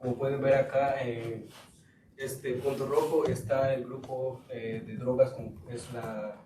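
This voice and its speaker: Man from Guatemala presenting, halting. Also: mid-range voice, fairly even intonation. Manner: halting, with frequent fillers. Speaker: student presenter. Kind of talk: presenting to a school board. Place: school board meeting room. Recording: echoey room, far mic, noisy.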